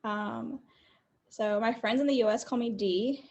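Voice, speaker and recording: A woman's voice: on the high side, fairly even intonation, measured pace, vocal fry, a little mellow. A woman in her twenties from the American South, a football player answering interview questions over a video call with brief, upbeat replies and easy laughter. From United States, the South.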